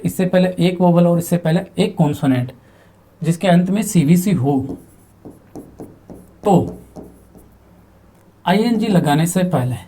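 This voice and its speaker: Male teacher, mellow and fairly high voice, patient classroom explaining, spells out words. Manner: explains slowly, spells words letter by letter, asks and answers his own questions. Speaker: English teacher. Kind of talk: spoken grammar lesson at a board.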